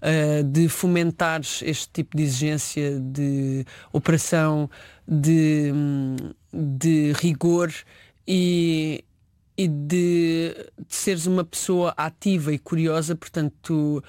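A man's voice: on the high side, steady tone, slow, darkish tone, clear, resonant tone, dry recording, clean studio sound. A man interviewing a chef, asking long, winding questions full of fillers.

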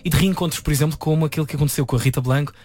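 A man's voice: fairly high pitch, rapid-fire, a little mellow, no room sound. Affirming male co-interviewer. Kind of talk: conversational interview.

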